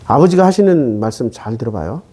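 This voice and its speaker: A male pastor preaching with a mellow, warm tone and a pitch that leaps up and down. He fires questions at his listeners and answers them himself, moving between everyday speech and solemn readings of scripture. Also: animated, brisk, slightly rough. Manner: swings between raised and low, soft phrases; plain, casual speech mixed with formal scripture reading. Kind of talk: sermon.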